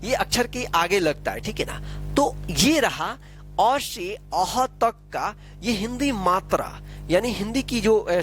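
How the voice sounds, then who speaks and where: A man teaching a lesson, explaining slowly and patiently, often asking a question and then answering it himself. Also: high voice, a bit bright. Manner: repetitive, asks questions and answers them himself; slow, patient explaining with frequent tag questions.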